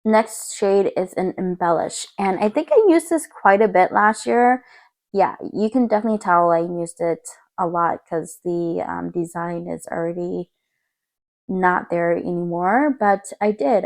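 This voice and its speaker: Gravelly-voiced chatty beauty vlogger woman. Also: medium pitch, normal speed, a little mellow. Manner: chatty and upbeat, with fillers. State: morning voice. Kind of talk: casual makeup declutter vlog. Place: home room by a window in morning light.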